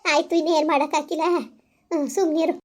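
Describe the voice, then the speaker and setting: A woman's voice: sits high, little pitch movement, brisk, lightly acted. A woman playing a soothing village woman. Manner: soothing, gentle, repetitive hushing. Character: soothing village woman calming a crying mother. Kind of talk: village comedy skit acting.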